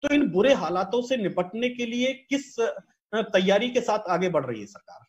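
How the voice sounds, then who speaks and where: A man in his thirties with a high voice interviews a guest over a video call. His questions are polite and long, and he fills the gaps with hesitant fillers. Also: big pitch swings, moderate pace, highs cut off. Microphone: video call with earphones.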